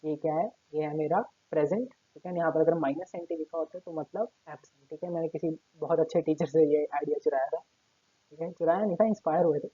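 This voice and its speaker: Husky-voiced man teaching on a tinny line. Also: on the high side, fairly even intonation, fast talker, dry recording. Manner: explains step by step, constantly checks in with "okay". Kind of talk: online recorded lecture. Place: seated at his own table. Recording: tinny phone-like lo-fi audio.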